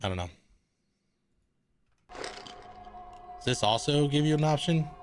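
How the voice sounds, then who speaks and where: A man's voice: fairly high pitch, animated, takes it slowly. A man streaming a video game, chatting casually, thinking aloud and swearing freely. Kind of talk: casual gaming livestream commentary.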